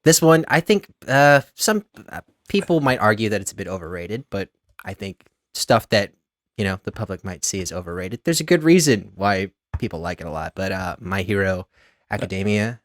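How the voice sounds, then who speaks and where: Rambling low-voiced man, casual podcast chat. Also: very animated, normal speed, dry recording, clean studio sound. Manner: rambling, lots of fillers and restarts. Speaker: podcast co-host.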